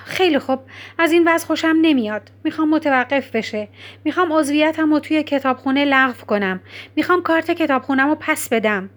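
Brief: woman doing a young woman in despair, high and pleading, emphatic, storybook reading. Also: close to an everyday voice. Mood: insistent. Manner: emphatic, raised voice. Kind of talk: audiobook character reading.

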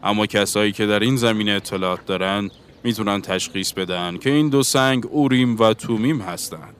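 A man's voice: on the low side, slight background noise, lightly acted. A man reading the part of a bookish Englishman, earnest and lecturing, in an audiobook. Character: bookish Englishman seeking a universal language.

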